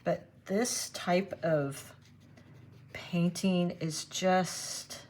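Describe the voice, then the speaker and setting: A woman giving a relaxed watercolor painting demonstration, thinking aloud as she works and chatting to her viewers. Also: fairly low pitch, drawn-out words. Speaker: watercolor art teacher.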